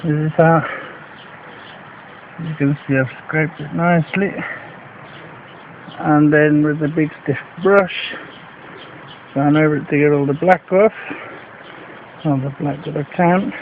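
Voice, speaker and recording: A man's voice: a little high, steady tone, slow, pauses often. A man talks through his work in a plain, rambling way, a little out of breath. He is outdoors, recorded on a handheld camcorder that sounds thin and tinny, with faint hiss behind him. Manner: plain, rambling, matter-of-fact explaining. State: a bit out of breath. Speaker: home video maker. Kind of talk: casual walkaround commentary. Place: outdoors by a house wall. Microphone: handheld camcorder mic.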